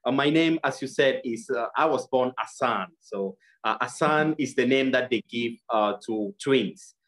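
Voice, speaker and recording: A man's voice: medium pitch, a little slow, fairly bright tone. Earnest young man from Cameroon. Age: young adult. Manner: earnest, many fillers and restarts. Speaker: guest. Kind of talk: interview over video call. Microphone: video call.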